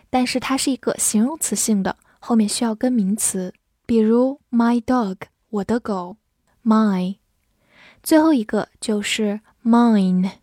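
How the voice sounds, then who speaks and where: A woman gives an English vocabulary lesson with a mellow, somewhat high voice. She spells words letter by letter and reads example sentences slowly. The sound is dry and close. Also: no room sound. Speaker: English teacher.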